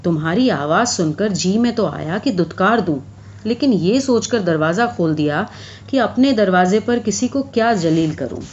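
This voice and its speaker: A woman's voice: mid-range voice, animated, a little mellow, dull audio, natural voice. A woman reading aloud, voicing a hurt young woman who speaks bitterly and reproachfully to a former lover.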